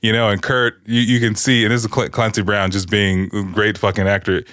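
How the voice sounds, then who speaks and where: A man's voice: lowish voice, flat delivery, brisk, fairly bright tone, clean tone, no room sound, studio quality. A man co-hosting a podcast, rambling through a TV recap in casual, profane chat. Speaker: podcast co-host.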